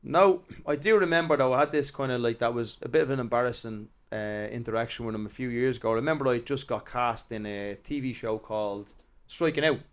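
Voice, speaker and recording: Rambling Irish actor telling stories. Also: male voice, mid-range voice, brisk. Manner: rambling storyteller, self-deprecating. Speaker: guest, actor and comedian. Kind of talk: casual interview chat.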